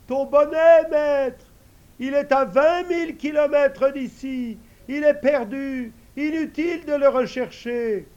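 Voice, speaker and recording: A high, eager invisible servant spirit. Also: male voice, takes it slowly, muffled recording. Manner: high, excited and devoted.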